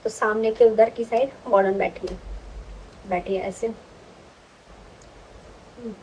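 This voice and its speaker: A young woman vlogger telling a personal story in an animated, chatty way, often checking in with the listener. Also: mid-range voice, moderate pace, slight background noise, rough recording. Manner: animated, chatty, frequent "ठीक है" check-ins. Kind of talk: casual storytelling.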